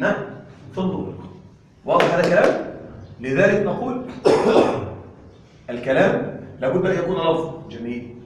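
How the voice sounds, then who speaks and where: A man teaching Arabic grammar in a classroom lecture, lively, often asking his students questions and checking they follow. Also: high-pitched, a little hiss or hum. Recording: very echoey room.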